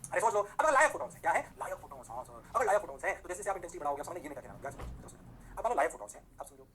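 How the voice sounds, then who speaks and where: A male physics teacher talks at a brisk clip in a bright, forceful voice. He keeps asking whether the class understands, then slows right down to dictate definitions in English. Now and then he fires off strings of rhyming praise words. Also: a little high, big pitch swings. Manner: keeps checking if students follow, dictates definitions slowly in English. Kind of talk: classroom lecture.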